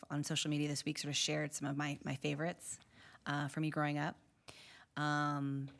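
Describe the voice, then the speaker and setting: A woman with a low voice speaks as a trustee at a school board meeting. She gives a string of thanks and congratulations, pausing often on ums. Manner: warm thank-yous with many ums.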